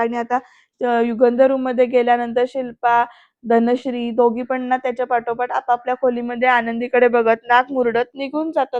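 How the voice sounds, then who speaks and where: A woman's voice: sits high, a little mellow, dry recording, dull audio. A woman narrating a chatty voice-over recap of a TV serial episode who addresses the viewers directly.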